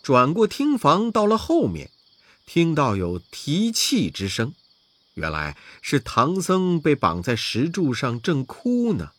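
A man tells a children's legend in an expressive, dramatic way. He paces it slowly, with lively rises and falls in pitch. The recording is close and dry. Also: dry recording. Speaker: storyteller. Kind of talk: children's story narration.

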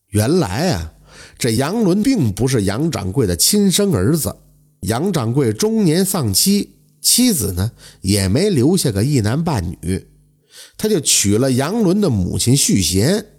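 A man telling a folk tale in a dramatic, lively storytelling manner with exclamatory asides. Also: mid-range voice, husky. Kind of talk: traditional oral storytelling.

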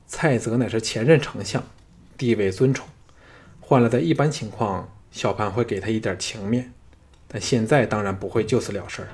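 A man's voice: lowish voice, moderate pace. Man narrating a novel. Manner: steady, storytelling delivery with commentary. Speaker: audiobook narrator.

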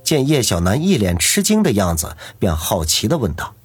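A man narrating an audiobook novel in a steady storytelling manner. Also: on the low side, moderate pace, breathy edge, no echo, soft background music. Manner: steady storytelling, doing every character.

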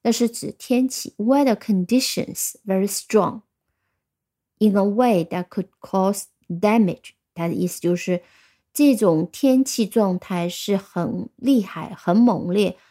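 A middle-aged woman teaches a vocabulary lesson in a patient, explanatory way. Her voice has a gravelly edge and a dark, mellow tone. She spells words out slowly and repeats each example. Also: medium pitch. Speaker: English teacher.

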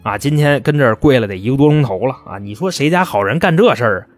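A man's voice: medium pitch, expressive, fast, soft background music, natural voice. A man voicing an exasperated, sarcastic middle-aged mother.

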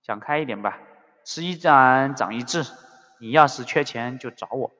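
A man's voice: mid-range voice, expressive, moderate pace, a bit bright, close to an everyday voice. Man doing a composed, evasive young male officer, clipped lines, reverby muffled audio. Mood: guarded. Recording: dull audio with long reverb.

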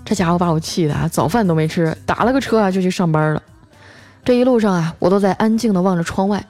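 A woman's voice: lowish voice, fast, a little mellow, faint music behind. Chatty woman telling comic stories. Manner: chatty, with frequent filler particles. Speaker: comic storyteller. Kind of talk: comic storytelling monologue.

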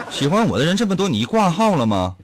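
A man hosting a radio show, reading listener messages and teasing them in lively storytelling. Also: fairly high pitch, heavy background noise. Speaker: radio host. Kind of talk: late-night call-in radio chat. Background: loud background music.

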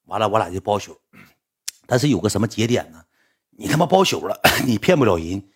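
A man's voice: fairly low pitch, sing-song, brisk, slightly rough. A young man with a Northeastern Mandarin accent, telling a story in rambling casual speech with many repeats and restarts.

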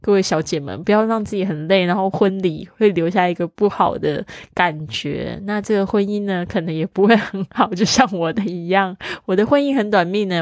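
A woman's voice: no echo, clean studio sound. Chatty middle-aged woman teacher. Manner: chatty, animated storytelling with frequent pitch jumps. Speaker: English teacher. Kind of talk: casual spoken lesson.

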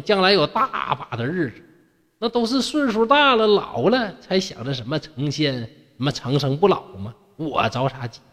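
A carefree young scholar, as a male storyteller puts him on, teasing and unhurried, tossing off jokey everyday retorts. His lively voice swoops up and down. It rings with a long reverb. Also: high-pitched, exaggerated voice.

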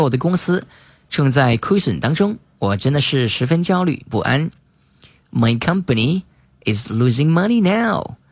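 A man teaching English in a lesson, reading example sentences slowly and spelling words letter by letter. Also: medium pitch, no room sound. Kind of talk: bilingual language lesson.

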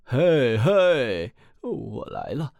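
A man voicing a cheerful, foolish young simpleton in a storybook reading, loud and carefree. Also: mid-range voice, very animated, normal speed, vocal fry, no echo, clean studio sound. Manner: boisterous, carefree.

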